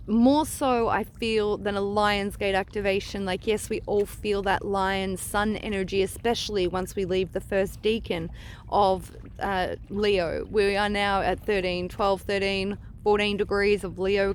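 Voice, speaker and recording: A woman speaks casually and earnestly to camera in a rambling, digressive monologue, outdoors by the water with rushing water around her. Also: mid-range voice, fairly even intonation. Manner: earnest, digressive, trailing off mid-thought. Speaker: spiritual vlogger giving psychic energy guidance. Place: outdoors on a beach at the water's edge. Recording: outdoor recording with clear water noise.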